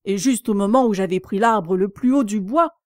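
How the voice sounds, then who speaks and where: Storybook pigeon: anxious, shrill mother bird, read by a woman, dry close recording. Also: moderate pace, darkish tone, no room sound, lightly acted. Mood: shrill, complaining. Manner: shrill, scornful, complaining. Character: shrill anxious female pigeon guarding eggs.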